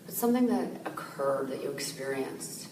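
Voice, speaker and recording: A woman meditation teacher calmly guiding a meditation, speaking gently and slowly with soft fillers. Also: a bass voice. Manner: gentle, slow, soothing guidance with soft fillers. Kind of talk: guided meditation. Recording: echoey room, distant mic, noisy ambience.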